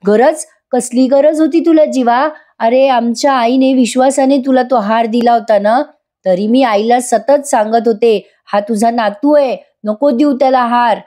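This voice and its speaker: Sarcastic complaining aunt, shrill and mellow, voiced by a woman. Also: a little slow, hardly any pauses, close to an everyday voice. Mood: bitter taunting. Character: taunting bitter middle-aged aunt.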